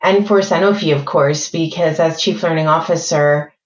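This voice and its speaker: A corporate learning executive appears as a guest on a podcast interview, speaking in a low, measured, articulate voice while thinking aloud with fillers. Born in France and raised mainly in Spain, she has a mixed accent also shaped by American and British English. The audio is roomy and dull.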